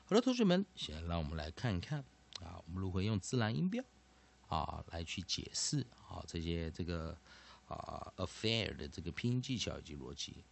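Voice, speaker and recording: A man teaching a vocabulary and pronunciation lesson, explaining slowly and deliberately. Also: deep voice, sing-song, vocal fry.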